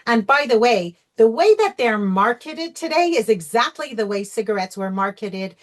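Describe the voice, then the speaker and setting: A sugar-free recovery coach runs an online workshop over a video call, her fairly high voice swinging widely in pitch at a moderate pace. She talks conversationally, checking in with "okay?" and "you know," and the audio comes through a video call microphone.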